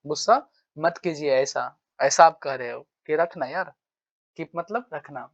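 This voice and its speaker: A man's voice: on the high side, measured pace, creaky, highs cut off. A man with a stuffy nose from a cold, giving a casual exam-prep lesson and constantly checking in with his students. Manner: chatty, keeps asking "right?" and "what will you say?". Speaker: English teacher.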